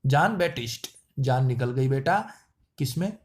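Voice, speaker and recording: A man's voice: medium pitch, expressive, measured pace, darkish tone. A man teaching general-knowledge quiz answers with playful wordplay and repetition. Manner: playful wordplay, repeats lines. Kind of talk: memory-trick quiz lesson.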